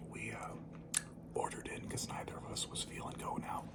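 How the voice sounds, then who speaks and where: A person whispering in a breathy, unvoiced voice, chatting casually and informally as the host of an ASMR eating video. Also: moderate pace.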